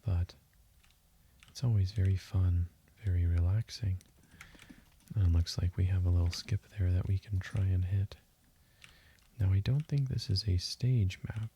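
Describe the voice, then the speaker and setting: Calm and soothing, a man gives game commentary in a low-pitched, hushed voice that edges toward a whisper, as if for sleep. He is a gaming video host, and a faint hiss accompanies the keyboard typing and mouse clicking behind him.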